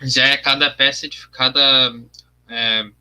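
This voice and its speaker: Bright-voiced man streaming his art. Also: medium pitch, steady tone, takes it slowly, clean tone. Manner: thinking aloud while he works, explaining his process to chat; reads viewer comments aloud and answers them. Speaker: artist streaming his work. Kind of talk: casual livestream commentary.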